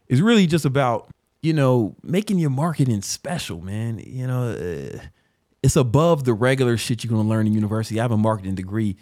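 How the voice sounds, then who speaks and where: A man in his thirties, hosting a casual talk ranking business books, swearing freely and telling stories with animated, self-mocking laughs. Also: fairly low pitch, no echo, clean studio sound. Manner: profane, loose and streetwise; animated storyteller who laughs at himself.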